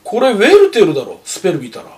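Older guy on a radio show, high voice that jumps all over, gruff, likes to lecture and tease. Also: quick pace. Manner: gruff, lecturing and teasing, animated storyteller. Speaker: horse racing pundit. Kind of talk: casual radio chat.

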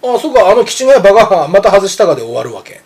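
This man in his fifties talks racing tips in a loose, joking, coarse-mouthed way. His voice sits high for a man and swings all over, and he rattles along quickly. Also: big pitch swings, darkish tone. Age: 50s. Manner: rambling, joking, coarse banter. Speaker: horse racing pundit. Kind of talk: casual podcast chat.

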